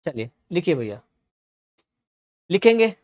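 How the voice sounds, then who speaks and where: A man teaching a shorthand class, calling students beta and bhaiya and repeating each word slowly for dictation. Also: high voice, big pitch swings, highs cut off.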